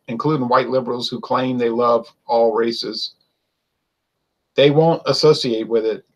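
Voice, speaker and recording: A man's voice: medium pitch, dull audio. A man co-hosting a casual wine chat, rambling and opinionated, with lots of fillers and restarts. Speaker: wine show co-host.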